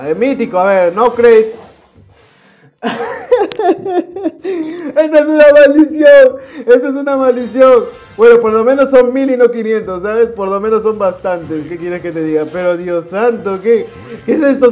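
A young man giving casual, excitable commentary while opening rewards in a game, swinging between groans and shouts. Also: high-pitched. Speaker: gaming YouTuber.

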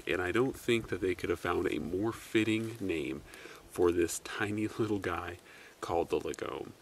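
Low gravelly dude casually reviewing a bush knife, kinda rambly. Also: male voice, slight background noise. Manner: relaxed, talks in loose run-on phrases.

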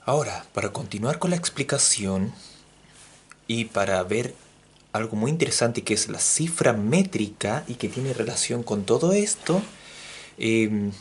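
A Chilean man teaching music theory in a playful video lesson, joking as he goes and counting beats out loud. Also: on the low side, unhurried, slight background noise. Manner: jokey, animated, counts beats aloud.

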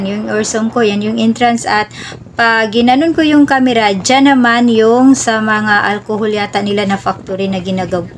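A woman's voice: on the high side, a little hiss or hum. A woman with a Visayan accent who speaks Cebuano natively, narrating a casual travel vlog while riding on the back of a motorbike outdoors. She rambles in a chatty way and mixes in road-safety advice. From Visayas, Philippines. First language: Cebuano (Bisaya). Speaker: vlogger.

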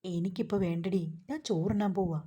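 A woman's voice: lowish voice, steady tone, a little fast, dark tone, lightly acted. A woman voicing a curt, short-tempered young son in a family story, snapping back at his mother. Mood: irritable.

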